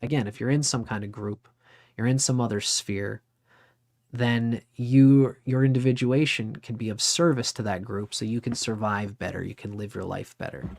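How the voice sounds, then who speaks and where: A man's voice: lowish voice, fairly even intonation, normal speed, vocal fry, a little mellow. A man in his forties giving a casual, rambling talk on astrology, conversational and sometimes swearing. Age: 40s. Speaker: astrology teacher. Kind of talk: casual lecture.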